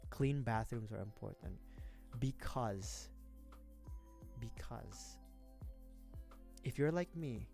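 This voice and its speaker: Chatting loosely as he assembles a model kit on stream, this young vtuber from the Philippines laughs a lot and wanders from topic to topic. His voice is warm and medium in pitch.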